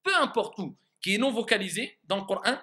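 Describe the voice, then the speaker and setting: A man's voice: high voice, very animated, a little fast, sharp tone. A man teaching a Quran recitation lesson in a classroom style. He speaks patiently, demonstrates sounds aloud and checks often that his students understand.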